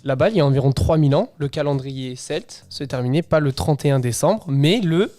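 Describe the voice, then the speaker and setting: A man's voice: fairly high pitch, fairly quick, mellow, no room sound, faint music behind. A young man, a student co-presenter, explaining a topic on a radio show and asking questions. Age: young adult. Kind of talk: casual radio chat. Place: radio studio.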